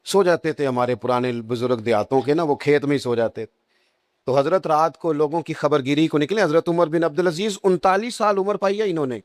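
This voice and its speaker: A male preacher with a Punjabi accent, telling stories in a sermon and rising high and emphatic on quoted lines. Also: dry recording, studio quality. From Pakistan.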